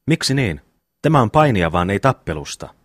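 A man reading the part of a calm, sensible young brother in an audiobook, measured and reasoning. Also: on the low side, no echo, clean studio sound.

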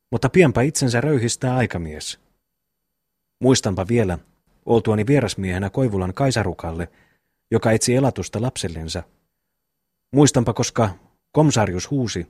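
Boastful, blunt young peasant brother, read by a man, low and husky, dry close sound. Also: darkish tone, no echo. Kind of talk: audiobook reading of a classic novel.

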